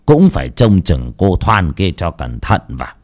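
A grave old exorcist master, as a male narrator voices him, speaks low and measured. The storybook figure stays calm and stern, with a lively lilt. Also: full character voice.

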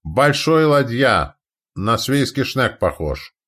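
A man voicing an eager young Norse lookout lad who speaks broken Russian and shouts from the mast. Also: fairly low pitch, expressive, slow. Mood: shouting.

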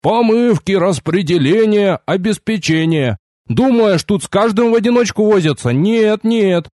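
A man's voice: high-pitched, animated, unhurried, darkish tone, dry recording, studio quality, pitched above the performer's own voice. A man voicing a wiry, fussy male army quartermaster who chatters eagerly, in a storybook reading. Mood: chatty.

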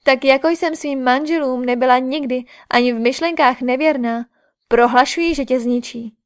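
A woman reading an audiobook, voicing an angry, scornful princess who shouts her threats. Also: sits high, smooth, close to an everyday voice. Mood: furious. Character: furious proud young princess Draupadi.

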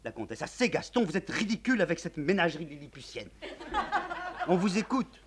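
A man voicing a haughty, scornful countess with a shrill voice in a play reading. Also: sing-song, a little fast, noisy background.

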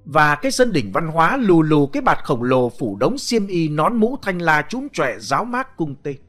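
A man's voice: on the high side, sing-song, normal speed, fairly bright tone, faint music behind. A man narrating a spoken story in a dramatic, vivid storytelling manner.

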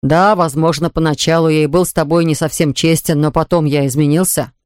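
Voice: medium pitch, steady tone, fairly quick, smooth, no echo, close to an everyday voice. A narrator voicing a hostile, defensive husband, reading in a dry, close studio recording. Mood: pleading. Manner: shouting, then pleading.

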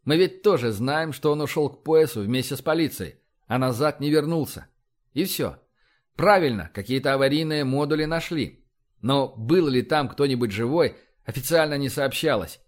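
A man voicing a stern older admiral who questions a subordinate in a flat, clipped way. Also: mid-range voice, moderate pace, natural voice. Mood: explaining. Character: stern older male admiral interrogator, cool and dry.

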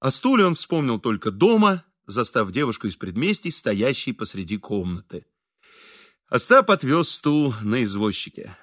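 A man narrating an audiobook in an expressive storytelling manner. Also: mid-range voice, normal speed, no room sound, studio quality. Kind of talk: scripted narration.

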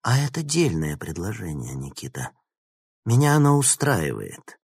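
A man's voice: low-pitched, very animated, normal speed, creaky, breathy edge, dry recording, studio quality, heavily acted. A male narrator voicing a bitter, vengeful young woman villain with a sneering, spiteful manner.

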